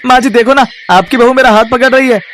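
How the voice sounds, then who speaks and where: A man's voice: extremely high pitch, steady tone, fast talker, a bit bright, slight background noise. A man playing a sleazy, leering milkman in a cartoon story, with an oily, mocking way of talking.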